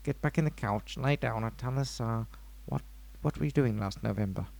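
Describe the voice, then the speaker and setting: A man playing a calm psychiatrist who asks soft, slow, probing questions. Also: medium pitch, creaky, voice pushed down.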